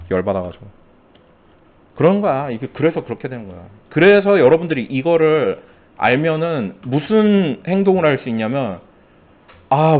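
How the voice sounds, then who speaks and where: A man giving a casual classroom lecture, telling stories and acting out coworkers' lines with lots of animation. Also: medium pitch. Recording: tinny phone-like sound.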